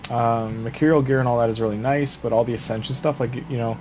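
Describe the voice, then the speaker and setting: Late at night, a man streams a game and rambles casually to his chat, giving relaxed advice with lots of fillers. He's sniffly, getting over the tail end of a cold. His voice is medium-pitched and fast, with slight background noise.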